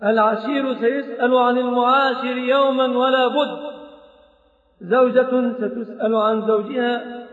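A man preaching a sermon in a sing-song chanted delivery, slowing down for quotations. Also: extremely high pitch, little pitch movement. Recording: dull lo-fi recording with long hall echo.

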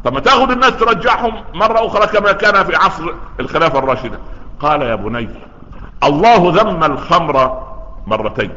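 A man's voice: very animated, quick pace, sharp tone. A man preaching a sermon, telling stories and acting out the voices of the people in them. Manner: storytelling, acts out quoted voices with big pitch swings. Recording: echoey long-reverb hall, dull lo-fi sound.

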